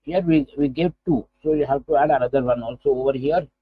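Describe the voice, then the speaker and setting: A man with an Indian accent teaching a software tutorial, dictating steps aloud piece by piece and repeating himself. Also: fast, slightly rough. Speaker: spreadsheet tutorial instructor. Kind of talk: screen-recorded software tutorial. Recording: muffled, low-fi, phone-like microphone sound.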